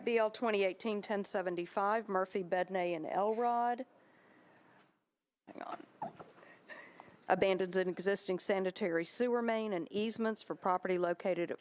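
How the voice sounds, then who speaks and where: A woman presides over a city council session. Her voice sits at an ordinary middle pitch. She moves briskly through bill titles, motions and votes in a procedural manner. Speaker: vice mayor chairing a council meeting. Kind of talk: formal meeting chairing.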